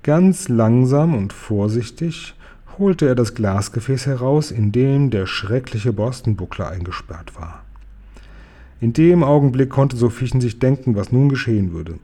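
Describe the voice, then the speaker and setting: A man reading a children's storybook aloud, slowly and expressively. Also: mid-range voice. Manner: slow, careful, expressive. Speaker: reader.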